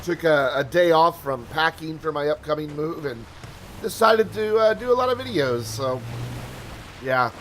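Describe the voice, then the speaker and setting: A man hosts a gameplay channel, talking casually and self-deprecatingly with lots of rambling asides, his voice worn from hours of talking. Slightly high and fairly bright, it has lively intonation and a moderate pace, with a little hiss or hum in the audio.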